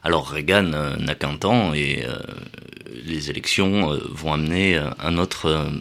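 A man presenting a radio talk segment from the studio, halting often with fillers as he explains. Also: a bass voice, vocal fry, fairly bright tone. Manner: hesitant, many euh fillers.

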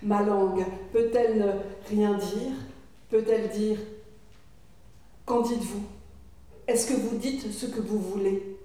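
A woman performing a spoken-word poem in a measured, incantatory, questioning manner. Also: mid-range voice, steady tone, dark tone. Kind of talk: spoken-word poetry recitation. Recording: very echoey room, voice from far off.

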